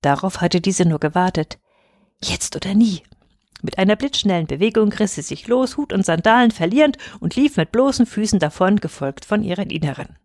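A woman reading a folk tale aloud in even, clear storytelling narration. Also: medium pitch, brisk, few pauses, no echo, clean studio sound. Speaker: reader.

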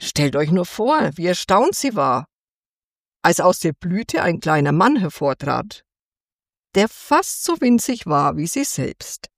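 A woman reading a fairy tale aloud for children in a gentle, expressive storytelling manner. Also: lowish voice, slow pace, no echo, clean studio sound.

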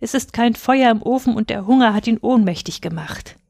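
A kind and sorrowful statue prince, voiced by a woman reading a storybook aloud. He speaks gently and pleadingly, and the sound is close and dry. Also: a little high, fairly quick, creaky, dry recording. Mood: tender.

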